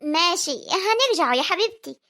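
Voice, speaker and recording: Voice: very high voice, lively intonation, fairly quick, sharp tone, heavily acted. A performer voicing a worried village mother with an Egyptian accent, scolding and then coaxing her young daughters. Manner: scolding yet tender, coaxing. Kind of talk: homemade family drama voice acting.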